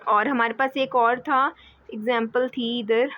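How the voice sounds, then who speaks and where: A woman giving a lecture as a teacher, often checking in with "okay" and pausing with fillers. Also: a little high, fairly even intonation. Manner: repeats "ठीक है", hesitant fillers. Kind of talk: explaining lecture. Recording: dull lo-fi audio.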